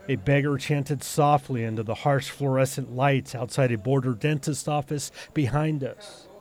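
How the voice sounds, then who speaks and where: A reporter narrating a scripted news story in a measured, descriptive way. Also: male voice, medium pitch, darkish tone.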